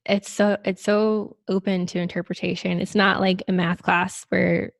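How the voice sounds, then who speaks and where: A woman's voice: mid-range voice, flat delivery, normal speed, creaky, dry recording. A woman co-hosting a podcast who gives her view tentatively and hedges her opinions. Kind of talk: casual interview conversation.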